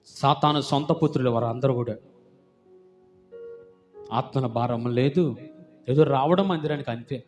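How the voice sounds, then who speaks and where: A man's voice: medium pitch, unhurried, long pauses, a little mellow, soft background music. A man preaching a sermon as pastor, fervent and emphatic, firing rhetorical questions at the congregation and repeating words for emphasis.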